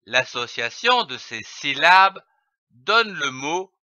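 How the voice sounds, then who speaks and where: Slow, bright-voiced man teaching reading. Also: fairly high pitch, sing-song, dry recording, lo-fi sound. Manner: spells out letters and syllables slowly and deliberately. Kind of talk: slow scripted reading lesson for young children.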